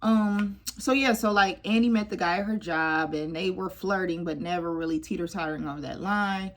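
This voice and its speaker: A woman's voice: on the low side, moderate pace. Chatty woman reviewing TV. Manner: animated, drops to stage whispers for asides. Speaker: YouTube TV reviewer. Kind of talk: casual review vlog.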